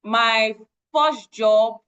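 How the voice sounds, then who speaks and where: A young woman with a Nigerian accent speaks in earnest, sharing a personal testimony with a group online. Her voice sits fairly high, and she leans on repeated phrases to drive her points home. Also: very slow, a bit bright, clean tone, highs cut off. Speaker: guest speaker. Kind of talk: testimony talk at an online meeting.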